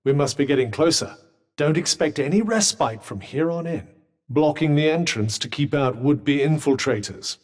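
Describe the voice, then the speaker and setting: An actor with a British accent voicing an urbane, dry-witted, sardonic magic cuff in a video game, speaking in a formal, articulate way. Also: male voice, fairly high pitch, animated, normal speed, darkish tone. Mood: measured advising. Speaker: video game companion character. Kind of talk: scripted game dialogue.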